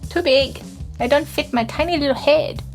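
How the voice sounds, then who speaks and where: A woman's voice: high voice, normal speed, faint music behind. A young woman singer chatting between takes in a recording studio, self-critical and laughing often. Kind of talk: casual chat during a recording session.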